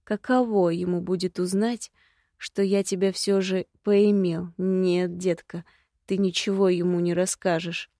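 A woman voicing a drunk, brutal young man who taunts and threatens in a low, menacing tone, read in an audiobook. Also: level tone, measured pace, warm tone, dry recording, clean studio sound.

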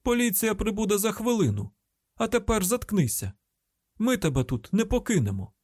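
A tense young woman FBI agent barks urgent orders in a high, strained voice, as a male audiobook narrator puts her on. She speaks with a Ukrainian accent, and the recording is dry and close. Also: sing-song, moderate pace, dry recording. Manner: urgent shouted commands. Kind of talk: audiobook character voicing.

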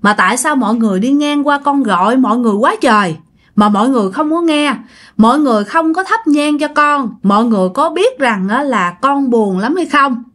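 A woman's voice: sits high, lively intonation, fairly quick, a bit bright, pitched above the performer's own voice. A woman with a Southern Vietnamese accent voicing the grieving spirit of a dead young girl, pleading in tearful reproach. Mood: reproachful grief.

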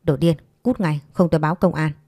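A woman's voice: deep voice, fairly quick, warm tone, no room sound, studio quality. A woman voicing a resolute young mother in a read-aloud story, firm and earnest.

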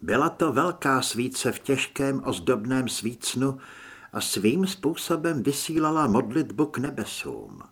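A man reading an audiobook in lively, dry-toned storytelling narration. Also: mid-range voice, slightly rough. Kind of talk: scripted narration.

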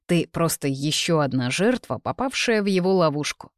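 Logan, a reader voicing an insistent young suitor. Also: male voice, fairly high pitch, expressive, normal speed, no room sound, studio quality, lightly acted. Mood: scornful. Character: young man, persistent jealous suitor. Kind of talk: audiobook character reading.

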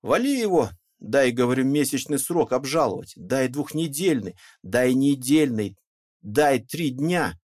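A man voicing a loud, indignant peasant who rants and shouts about being wronged, in an audiobook. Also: mid-range voice, sing-song, moderate pace, hardly any pauses, breathy edge, pitched above the performer's own voice. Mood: indignant ranting. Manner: shouting, ranting, bitter. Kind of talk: audiobook character reading.

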